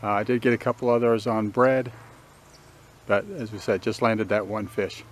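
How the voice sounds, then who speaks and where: A middle-aged man talking casually to the camera on a riverbank, in a relaxed, matter-of-fact way with small restarts. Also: fairly low pitch, moderate pace. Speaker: fishing vlogger. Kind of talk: casual outdoor commentary. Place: riverbank outdoors. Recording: faint outdoor nature ambience.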